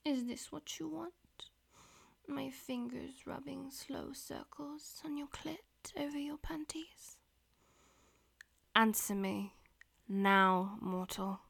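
A woman voicing a dominant, teasing female demon in an audio roleplay, speaking mostly in breathy, domineering whispers. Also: sits high, slow, pauses often, a bit bright, exaggerated voice.

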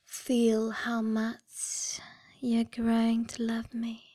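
Female performer as seductive, adoring dream woman; sultry ASMR role-play, breathy, very unhurried, little variation in pitch. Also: monotone, no room sound, clean studio sound. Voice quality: breathy, soft-spoken. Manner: sultry, slow, intimate narration.

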